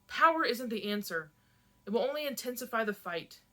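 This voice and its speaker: A woman's voice: a little high, lively intonation, fairly quick, pushed and bright, voice pushed up. A woman reading aloud as an earnest, defensive young male prince who argues and pleads. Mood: insistent. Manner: insistent, pleading.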